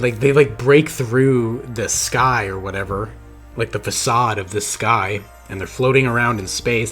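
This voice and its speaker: A man talking straight to his viewers about a video game he loves, earnest and rambling, with many restarts and fillers. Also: mid-range voice. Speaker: gaming video creator. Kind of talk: casual monologue to camera. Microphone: camera-facing mic.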